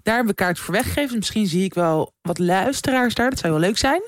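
A woman's voice: medium pitch, expressive, quick pace, no room sound. Frank woman co-host, dry sound. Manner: frank, reflective, swears casually. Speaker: podcast co-host. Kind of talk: casual chat.

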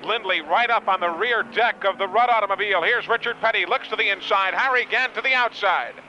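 A high-voiced male motorsport commentator delivers live race commentary in short, present-tense bursts. The broadcast sound is muffled, with loud engine noise behind him. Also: a little fast. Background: loud race car engines outdoors.

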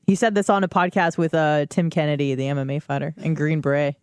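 A man's voice: a little high, fairly even intonation, quick pace, smooth, no room sound, studio quality. A man chatting casually as a co-host on a talk show. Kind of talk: casual chat.

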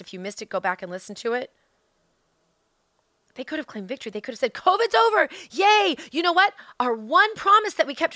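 A woman's voice: mid-range voice, fairly bright tone, no room sound, studio quality. A woman podcast host giving an opinionated political monologue, emphatic, repeating phrases for effect and putting rhetorical questions to listeners. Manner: emphatic, with deliberate repetition for effect.

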